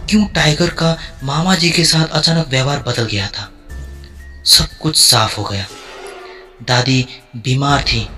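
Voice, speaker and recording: A man telling a first-person horror story as scripted narration, slow and dramatic with drawn-out pauses. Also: mid-range voice, pushed and bright. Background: faint music.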